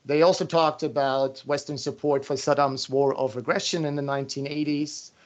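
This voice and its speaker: A man hosting an interview, framing long, deliberate questions and recounting his own travels. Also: on the high side, level tone.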